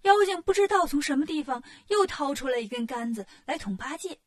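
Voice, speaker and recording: A woman reading a children's storybook aloud, narrating in a lively, expressive way. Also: sits high, brisk.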